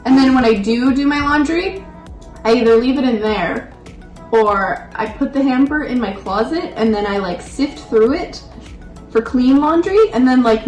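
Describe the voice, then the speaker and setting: Higher-voiced young woman in a roomy space. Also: distant mic. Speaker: co-host of a mukbang Q and A. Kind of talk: casual chat while eating. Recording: roomy echo with music behind.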